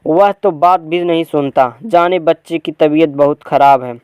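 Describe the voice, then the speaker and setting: A man's voice: a little high, normal speed, smooth, no echo, lo-fi sound, lightly acted. A man reading a meek, hesitant older mother. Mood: pleading. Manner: hesitant, short pleading lines. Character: anxious older mother, meek but insistent. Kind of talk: reading a play aloud.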